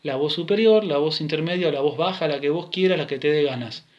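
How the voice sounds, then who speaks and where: Rioplatense male music teacher, recorded class, sings and counts beats, a bit high-pitched. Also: quick pace, muffled recording. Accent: Rioplatense Spanish. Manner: sings rhythm syllables and counts steps while explaining.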